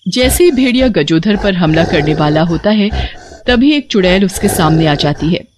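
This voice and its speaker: A woman narrating an animated horror story in a steady, even storytelling manner. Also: fairly low pitch, moderate pace, noisy background. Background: faint music.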